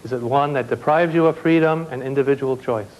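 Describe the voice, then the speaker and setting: A man's voice: medium pitch, fairly quick, a little mellow. A man asking a string of pointed questions. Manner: posing a series of questions. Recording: dull lo-fi sound.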